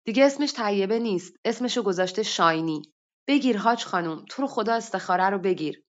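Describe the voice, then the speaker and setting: Anxious widowed mother in her thirties, confiding and hesitant, as a woman reader puts her on; medium pitch, dull online audio. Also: lively intonation, lightly acted. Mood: pleading. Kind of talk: story reading.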